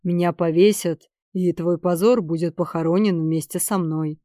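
A woman reading a confident male noble conspirator in an audiobook, speaking calmly and unhurriedly with a faintly mocking tone. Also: lowish voice, moderate pace, no room sound, clean studio sound, lightly acted. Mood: cool.

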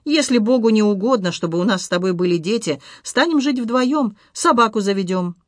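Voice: mid-range voice, expressive, fairly quick, no echo, clean studio sound, voice pushed up, natural voice. A reader doing a hot-tempered, tender young husband. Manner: flares up, then urgent and coaxing. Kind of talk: audiobook dialogue.

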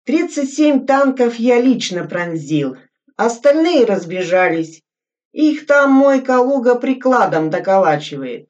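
A woman voicing a calm, unhurried male corporal with a dry, deadpan manner. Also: on the high side, voice pushed up. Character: calm, lazy, wry male corporal soldier. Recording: dull audio from a distant mic.

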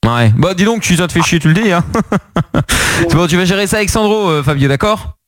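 A male radio host with a fairly high voice, joking loudly with callers and guests and swearing freely. The sound is dry and close to the mic. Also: lively intonation, fairly quick, dry recording. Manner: teasing, boisterous, swears freely. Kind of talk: lively radio prank show banter.

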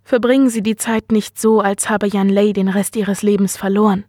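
A woman reading the lines of a calm, earnest male doctor in a measured, serious way. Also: mid-range voice, dry recording, studio quality, natural voice. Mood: grave.

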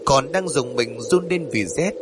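A man narrating a ghost story in a dramatic, drawn-out reading. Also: fairly high pitch, lively intonation, background noise. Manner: dramatic, slow and drawn-out in tense passages.

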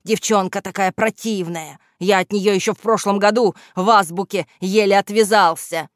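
A woman voicing a gruff, bossy male ink-blot villain in a storybook reading, snapping and scolding his gang. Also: medium pitch, fairly even intonation, normal speed, no echo, studio quality, close to an everyday voice. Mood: irritable.

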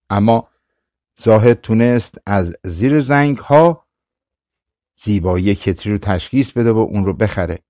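A man narrating a folk tale in a calm, measured storytelling voice as an audiobook reader. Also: mid-range voice, no echo, clean studio sound. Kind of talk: scripted narration.

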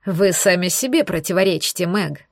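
A woman doing a stern werewolf boss, dry cold voice, clipped commands, a bit lower and quieter, audiobook. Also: expressive, brisk, dry recording.

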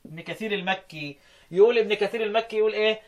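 An Egyptian man teaching Quran recitation, quizzing his students and slowly chanting verse lines between his explanations. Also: high-pitched. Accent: Egyptian Arabic. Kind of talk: interactive classroom lesson.

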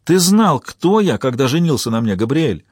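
A man's voice: medium pitch, big pitch swings, normal speed, a little mellow, husky, no room sound, studio quality. A man voicing a tough woman police detective with curt, challenging retorts in an audiobook.

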